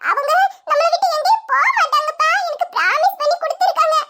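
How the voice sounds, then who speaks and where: A woman's voice: very high-pitched, fast talker, bright, forceful tone. An actress voicing a young daughter who tearfully reassures her crying father. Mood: tearful reassuring. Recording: background noise.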